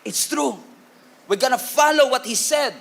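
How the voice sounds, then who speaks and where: A man with a Filipino accent preaching a sermon in a church, animated and humorous, calling on the congregation to respond. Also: very high voice, a little slow, vocal fry. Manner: animated, humorous preaching with Taglish code-switching. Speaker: pastor.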